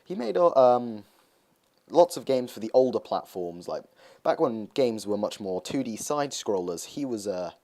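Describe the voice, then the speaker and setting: A man's voice: lowish voice, animated, moderate pace, dark tone. A young man talking casually over gameplay footage, rambling with lots of hesitations as he hosts his gaming video.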